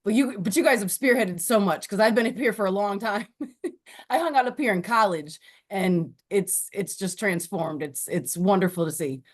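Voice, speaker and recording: A woman's voice: mid-range voice, normal speed. Enthusiastic woman speaking at a meeting. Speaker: harm reduction worker, meeting attendee. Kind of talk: virtual community meeting.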